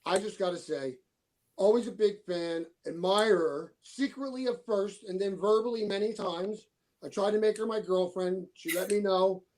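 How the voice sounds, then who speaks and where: A man's voice: high voice, normal speed, a little mellow, poor audio. A man in his sixties hosting an interview, talking in a casual, upbeat and complimentary way. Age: 60s. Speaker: interview host.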